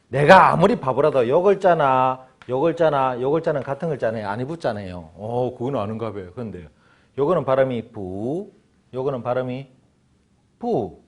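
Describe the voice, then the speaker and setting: A man teaching Chinese in a joking, animated lecture style. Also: mid-range voice. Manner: animated, joking, acts out little scenes. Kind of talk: lively classroom lecture.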